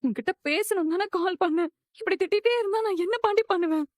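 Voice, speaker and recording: A woman's voice: very high voice, fast talker, no room sound, clean studio sound. An actress playing a hurt young woman who pleads with and reproaches her boyfriend on the phone. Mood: pleading. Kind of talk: TV serial acting.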